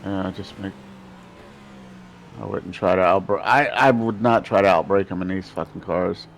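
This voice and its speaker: Gravelly low-voiced race spotter on radio. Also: male voice, moderate pace, slight background noise. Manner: terse repeated position calls, encouraging the driver. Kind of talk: race spotter radio calls and casual chat.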